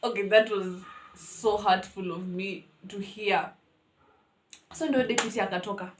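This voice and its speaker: A young woman with a Kenyan accent telling a school story on her vlog in an animated, dramatic way. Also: medium pitch, a little slow, roomy sound, background noise. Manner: animated, dramatic, code-switching. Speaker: vlogger.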